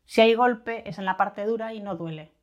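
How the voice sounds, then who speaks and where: A woman's voice: medium pitch, moderate pace, highs cut off. A woman reading a first-person story in a wry, conversational narration, now and then acting out angry outbursts.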